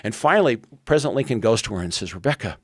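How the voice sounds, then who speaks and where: Very animated and very fast, a medium-pitched American man in his sixties earnestly recounts a piece of history as a podcast guest, voicing quotes from the figures in it. The recording is dry and studio quality.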